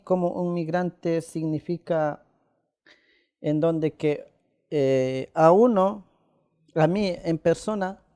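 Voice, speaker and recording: Fairly high in pitch, smooth, and soft-toned, this man from Ecuador, a native Quichua speaker, chats casually as an interviewee. His speech halts frequently, full of pauses and "eh" fillers.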